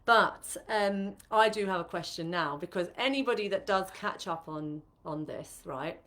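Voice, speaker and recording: A woman's voice: lowish voice, normal speed, a bit bright. A woman co-hosting a casual live-stream chat, talking loosely with lots of fillers and restarts. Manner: chatty, many fillers and restarts. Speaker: co-host, retreat facilitator.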